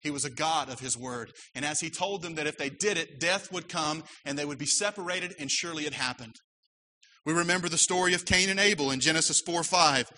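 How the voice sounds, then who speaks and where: A man's voice: fairly high pitch, a little fast, sharp tone, low-quality recording. A man who is a pastor, preaching a sermon earnestly with emphatic rises.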